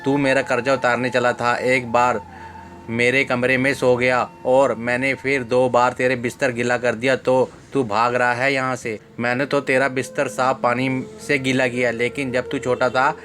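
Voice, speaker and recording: A male narrator voicing an aging, patient mother who speaks quietly and gently in his own flat, even voice. Faint music plays behind him. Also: medium pitch, moderate pace, close to an everyday voice. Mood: gentle.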